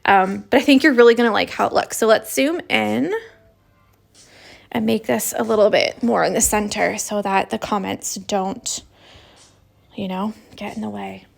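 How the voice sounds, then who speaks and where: A woman's voice: medium pitch, fairly even intonation, normal speed, creaky. A woman teaching an embroidery stitch in a casual, chatty livestream, filling her sentences with "like". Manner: chatty, lots of "like" fillers.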